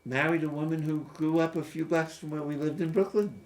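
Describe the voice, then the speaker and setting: An American man in his fifties hosts a casual, playful chat about scripture, thinking aloud and laughing easily. His voice is a little high, steady, and slightly fast, with faint background noise.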